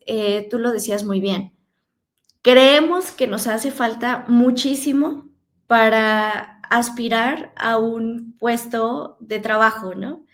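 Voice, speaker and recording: A woman hosting a podcast, asking long, thoughtful questions made of several parts. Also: medium pitch. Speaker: podcast host. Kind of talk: podcast interview.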